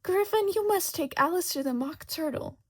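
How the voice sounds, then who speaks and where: A woman voicing an imperious, bossy storybook queen with shrill, shouted orders. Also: lively intonation, normal speed. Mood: commanding. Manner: bossy, commanding.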